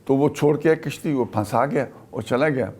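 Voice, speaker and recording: An older retired army officer from Pakistan recalls a wartime memory during an interview. He speaks haltingly, with many pauses, in a medium-pitched, somewhat dark voice.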